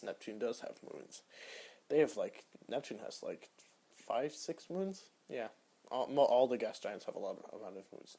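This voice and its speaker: Young male podcast host, casual and offhand, rambling solo chat, trailing delivery. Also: mid-range voice. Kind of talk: casual solo commentary answering search suggestions.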